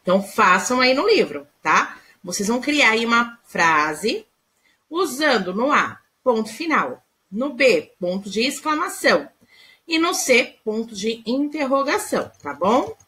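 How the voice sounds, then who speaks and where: A Brazilian woman teacher with a fairly high voice. Her pitch rises and falls a lot as she walks young pupils through the lesson patiently, step by step. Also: very animated, unhurried, sharp tone. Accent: Brazilian Portuguese. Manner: patient, explains step by step with frequent "tá?". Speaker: primary school teacher. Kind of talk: recorded remote class explanation.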